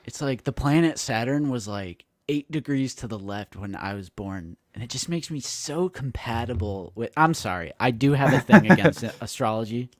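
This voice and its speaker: Co-hosting a live stream about toy collecting, a man in his late twenties keeps things casual and playful, joking with animation and acting out quotes. He speaks at medium pitch and normal speed, barely pausing, with no room sound.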